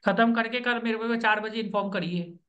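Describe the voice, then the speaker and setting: A man's voice: high-pitched, fairly even intonation, a little fast, fairly bright tone, highs cut off. A man coaching a student for job interviews on a video call, giving firm instructions and often checking that he is understood. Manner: directive, keeps checking understanding.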